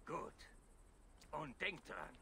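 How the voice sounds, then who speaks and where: A man's voice: on the high side, sing-song, extremely slow, vocal fry, sharp tone, a little hiss or hum, exaggerated voice. A man voicing a boastful, brutal Viking warlord who tells crude war stories in a German game dub. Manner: swaggering, crude storyteller.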